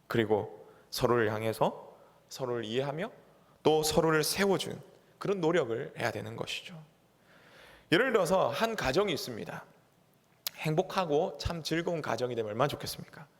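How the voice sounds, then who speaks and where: A pastor giving an earnest, emphatic sermon in a church sanctuary. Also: male voice, fairly high pitch, expressive, moderate pace, long pauses. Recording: reverberant church hall.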